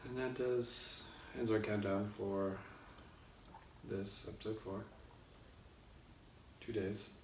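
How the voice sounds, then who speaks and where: Guy hosting a homemade vlog, really slow talker, bit far from the mic, echoey. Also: fairly low pitch, steady tone, a bit bright. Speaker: co-host of a couple's video blog. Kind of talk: casual video blog chat. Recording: echoey room, distant mic, faint noise.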